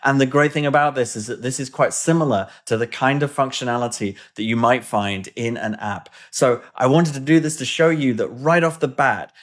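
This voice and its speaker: A man teaching an online coding course over a screen recording, conversational and upbeat, with self-deprecating asides. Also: mid-range voice. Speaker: course instructor.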